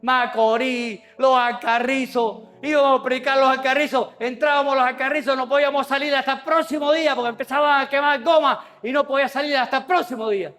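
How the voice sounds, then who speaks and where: A male pastor delivering an impassioned sermon in a church, building to shouted peaks. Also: extremely high pitch, steady tone, a little fast, hardly any pauses, soft background music.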